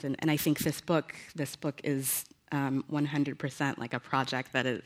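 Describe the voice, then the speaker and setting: A woman from the United States, a novelist answering interview questions in a thoughtful, halting way with frequent fillers and restarts. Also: extremely low pitch. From United States (Alabama). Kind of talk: conversational author interview.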